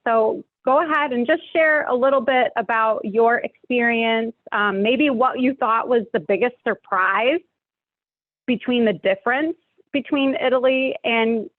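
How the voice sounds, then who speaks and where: A woman's voice: fairly high pitch, steady tone, a little slow, dry recording. A woman speaking as a program assistant in a webinar, friendly and informal. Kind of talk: webinar presentation. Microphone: video call. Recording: dry phone-like audio.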